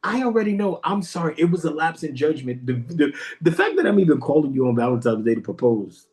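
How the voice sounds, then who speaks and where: A man hosting a podcast tells a story in a casual, animated monologue. His voice sits a little high for a man and swings widely, leaping up when he quotes himself. He keeps looping back over the same phrases. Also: brisk. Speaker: podcast host.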